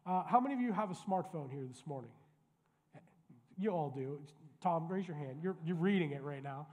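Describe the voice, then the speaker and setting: A man's voice: fairly high pitch, expressive, normal speed, darkish tone. A man in his thirties preaching a sermon conversationally, with asides to the congregation. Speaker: pastor. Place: church sanctuary. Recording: church hall reverb.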